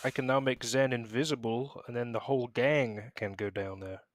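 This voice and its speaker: A man playing in a tabletop game, chatting in a lively, playful way. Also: mid-range voice, normal speed, a little hiss or hum. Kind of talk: casual tabletop game chat.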